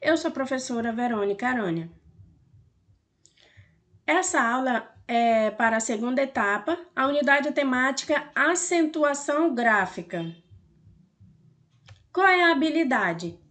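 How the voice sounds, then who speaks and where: A woman with a Brazilian Portuguese accent teaches a recorded lesson in a high, light voice. She speaks slowly and patiently, filling gaps with small hesitations and checking in with her students. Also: lively intonation, a bit bright. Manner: slow explaining with many "é" fillers and "tá?" checks.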